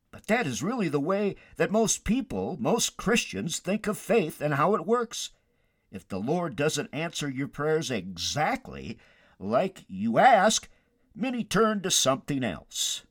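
Radio preacher, a man, emphatic storyteller, unhurried delivery with a very dry sound. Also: fairly high pitch, no room sound. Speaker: pastor. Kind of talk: radio sermon.

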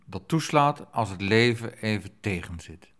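A man reading calm, scripted documentary voice-over. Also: lowish voice, measured pace. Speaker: documentary narrator. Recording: narration over loud music.

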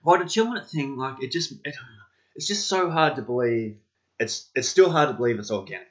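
A man's voice: mid-range voice, expressive, fairly quick, a bit bright. A man talking casually as a podcast co-host. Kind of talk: casual chat. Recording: dull, lo-fi sound.

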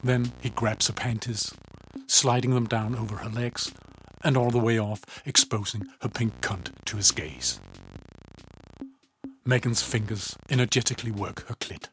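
A man reading a story aloud in calm, even scripted narration, often low and hushed. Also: measured pace, soft background music.

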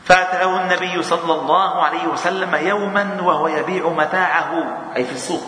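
A man's voice: fairly high pitch, fairly even intonation, brisk, pushed and bright, slight background noise. A man with a Lebanese accent giving a religious lesson in a mosque, reading classical texts and explaining them in colloquial speech with light chuckles. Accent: Lebanese Arabic. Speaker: mosque teacher. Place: mosque hall. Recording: echoey mosque hall.

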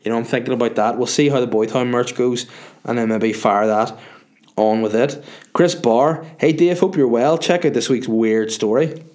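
A man's voice: mid-range voice, moderate pace, darkish tone. A man with a sniffly head cold hosting a podcast, chatting casually and bluntly, rambling and swearing as he answers listeners. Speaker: podcast host. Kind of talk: casual solo chat answering listener questions.

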